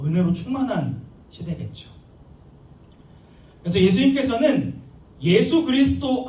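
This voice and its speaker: A man preaching a sermon to a youth group, talking in a lively way and acting out little scenes with comic asides. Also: sits high, a little hiss or hum. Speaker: youth pastor. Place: church hall. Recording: echoey hall, mic at a distance.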